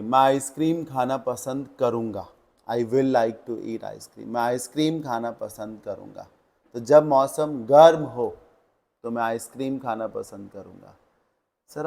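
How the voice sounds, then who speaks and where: A male grammar teacher with an Indian accent walks through an exam-prep lesson at an unhurried, measured pace. He poses questions to the class and answers them himself, and he reads each English example sentence out slowly, one word at a time. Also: mid-range voice, darkish tone.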